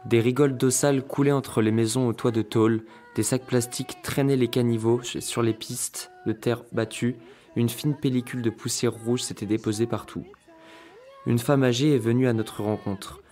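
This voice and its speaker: A man's voice: medium pitch, steady tone, moderate pace, dark tone, faint music behind. A man reading literary narration from a written text.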